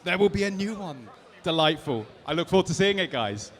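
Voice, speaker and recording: Upbeat British interviewer with a lively, high voice. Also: male voice, a little fast, big-room sound. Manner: upbeat, exclamatory. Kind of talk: cheerful post-fight interviews.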